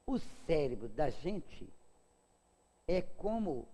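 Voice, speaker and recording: A man's voice: very animated, takes it slowly, dark tone, big-room sound. An older man from Brazil giving a casual spiritist lecture, chatty and humorous, with asides to his audience. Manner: acts out quoted voices in a high pitch.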